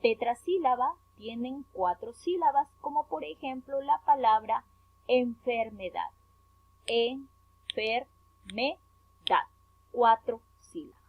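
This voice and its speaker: A woman's voice: on the high side, unhurried, dry recording. A woman from Peru teaching a primary school lesson, going carefully through a worksheet and stressing each syllable as she spells words out. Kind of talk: remote class lesson explaining worksheet. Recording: tinny phone-like audio, dry.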